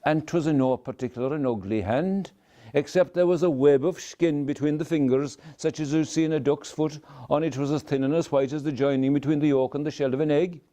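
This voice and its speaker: An older man with a Kerry Irish accent tells a folk tale to live listeners in a lilting, wry manner with dramatic pauses. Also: fairly high pitch, fairly even intonation, warm tone. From County Kerry, Ireland. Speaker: traditional storyteller. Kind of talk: oral folk storytelling to a live audience.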